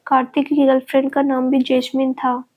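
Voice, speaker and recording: A woman's voice: high-pitched, completely flat delivery, fairly quick, narrow, tinny audio. A woman voicing an angry young man who coldly accuses his lover, in a storybook reading. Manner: cold, accusing, cutting.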